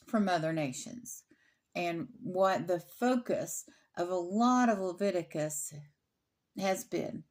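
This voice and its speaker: Middle-aged woman doing a bible study on her channel, slow and frank, reads the verses then talks them through. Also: medium pitch, darkish tone. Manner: unhurried, frank, pauses and restarts while reading aloud. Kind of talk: informal Bible teaching with scripture reading.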